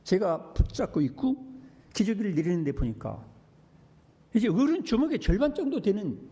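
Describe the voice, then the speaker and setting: Older male pastor, sermon storytelling; fairly high, warm tone, big pitch swings. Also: long reverb tail. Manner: storytelling with swings between hushed and emphatic. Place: church.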